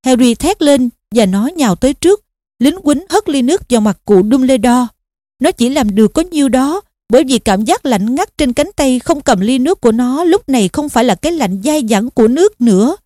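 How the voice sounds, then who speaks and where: A woman reading an audiobook aloud in a steady, expressive storytelling manner. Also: sits high, brisk, no echo, studio quality. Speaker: audiobook narrator.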